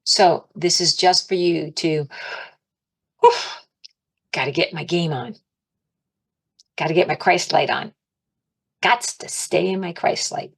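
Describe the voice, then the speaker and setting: A woman giving an informal, chatty sermon, animated, laughing often and raising her voice to act out her pleas to God. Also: on the low side, slow, gravelly, long pauses, breathy edge. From Italian and Irish heritage. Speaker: spiritual teacher.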